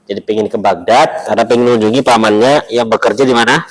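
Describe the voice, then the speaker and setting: Indonesian man teaching a relaxed class. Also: on the low side, fast talker, poor audio. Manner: relaxed, chatty explaining with asides. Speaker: Arabic teacher. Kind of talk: mosque class lesson.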